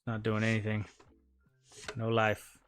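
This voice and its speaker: A man's voice: on the low side, completely flat delivery, measured pace, music in the background. A man hosting a console repair stream, chatting casually and muttering to himself while he works, with casual swearing. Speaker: repair channel host.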